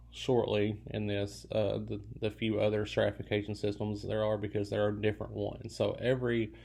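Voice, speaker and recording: A man's voice: on the low side, gravelly, mellow, slightly rough. A man giving a recorded lecture in a loose, casual way, full of fillers and restarts, now and then stifling a yawn. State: yawning. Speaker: college lecturer.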